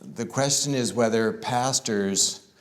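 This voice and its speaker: A man speaking to a room of pastors at a conference, conversational and easygoing, leaning on words and slowing down for emphasis. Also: mid-range voice. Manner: conversational, with varied emphasis and deliberate slow stretches. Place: conference room with live audience.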